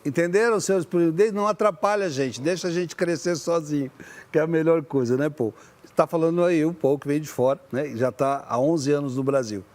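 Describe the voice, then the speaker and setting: A man's voice: fairly high pitch, brisk, darkish tone. A man with a Brazilian Portuguese accent hosting a talk show with jokey, theatrical banter.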